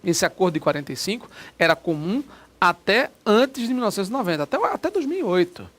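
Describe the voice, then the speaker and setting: A man's voice: high-pitched, sing-song, quick pace, fairly bright tone. A middle-aged man with a Brazilian Portuguese accent teaching an exam prep grammar lesson, chatty and always checking in with his listeners.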